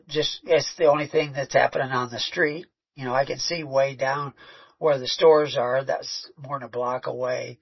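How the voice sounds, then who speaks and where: A man's voice: a little high, husky. A man preaching a sermon, mixing scripture with a conversational personal story and frequent restarts. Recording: muffled, lo-fi recording.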